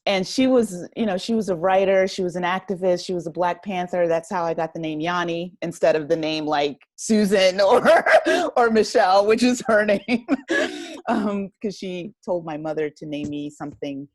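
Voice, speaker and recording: A writer and director from New Jersey, an American woman in her fifties, looks back on her life during a relaxed interview where she's the guest. Her voice is on the low side and a little mellow, with a moderate pace. The sound is studio quality, free of any echo.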